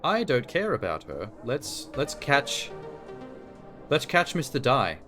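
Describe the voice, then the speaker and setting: Guy streaming a video game, casual jokey sweary commentary, normal pitch, quiet music behind. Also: huge pitch swings, slow pace. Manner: irreverent, sweary. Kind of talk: casual joking playthrough commentary. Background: game music, keyboard typing.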